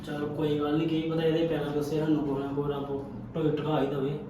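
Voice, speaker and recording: A man playing a patient, kindly husband and elder brother in a family drama, speaking in a calm, reassuring way. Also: on the high side, fast, distant mic, noisy background, close to an everyday voice. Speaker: actor in a family web drama. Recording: echoey room, faint music.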